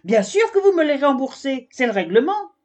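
A woman's voice: medium pitch, animated, measured pace, darkish tone, natural voice. A woman voicing a strict, exasperated female giraffe librarian in a children's storybook. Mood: stern. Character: stern proper giraffe librarian, female adult.

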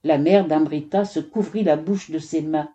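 A woman's voice: deep voice, moderate pace, mellow. A woman narrating a children's story expressively, giving each character a voice.

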